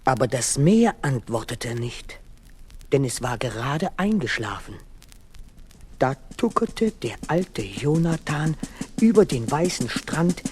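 A man narrating a children's story in a slow, lilting, expressive way. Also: mid-range voice.

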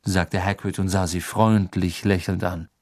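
A man reading a storybook aloud as narrator, in an expressive, even voice. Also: low-pitched, measured pace, dry recording, studio quality. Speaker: audiobook narrator.

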